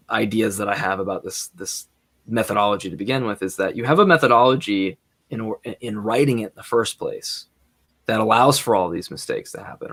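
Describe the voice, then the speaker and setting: A man with a fairly low voice co-hosts a casual podcast. He reasons aloud, hesitating and restarting his sentences as he goes. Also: fairly bright tone. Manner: thinks aloud, hesitant, many restarts and fillers. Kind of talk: casual debate podcast chat.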